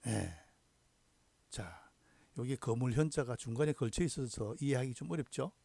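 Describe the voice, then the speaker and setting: Male hanja teacher, gravelly and mellow, lively intonation, deliberate lecture pace. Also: mid-range voice, no echo. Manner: slow, deliberate, punctuates with frequent affirming "ye". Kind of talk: recorded lecture.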